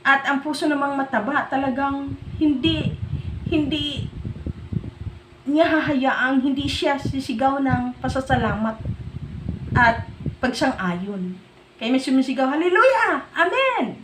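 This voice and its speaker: High-voiced woman preaching in an echoey room. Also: steady tone, unhurried, pauses often, noisy background. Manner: earnest preaching, mixing in English phrases. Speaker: pastor. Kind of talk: sermon.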